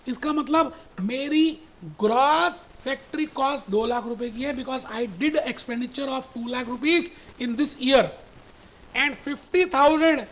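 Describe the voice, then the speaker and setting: In a recorded classroom lecture on accounting, a man with a very high-pitched voice explains through animated storytelling, taking it slowly. He repeats his points and fondly calls his students "beta."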